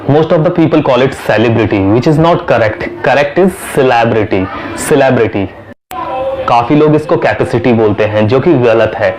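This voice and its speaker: A man with an Indian accent teaching an English lesson, explaining in Hindi and repeating each English word slowly to drill it. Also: medium pitch, darkish tone, low-quality recording. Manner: switches between Hindi and slow, careful English.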